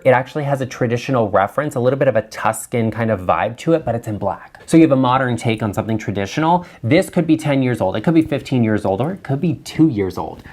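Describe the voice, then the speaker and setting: A man hosting a design video, chatting frankly and with strong opinions about bathrooms he is looking at. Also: mid-range voice. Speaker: interior designer and channel host. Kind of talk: casual design commentary.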